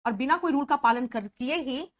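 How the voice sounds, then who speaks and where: A woman's voice: sits high, lively intonation, moderate pace. A woman teacher with a Hindi accent gives an online English lesson, explaining each rule step by step and calling on students by name.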